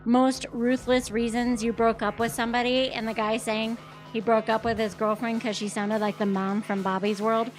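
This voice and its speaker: A woman's voice: a little high, level tone, normal speed, faint music behind. A woman co-hosting a live stream, joking playfully and giggling in casual chat. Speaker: co-host running the stream computer.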